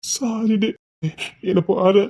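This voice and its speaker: A man with a Tirunelveli accent playing a remorseful young husband, pleading in a hushed, tearful voice. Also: high voice, flat delivery, slow, full character voice. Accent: Tirunelveli Tamil. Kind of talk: web drama acting.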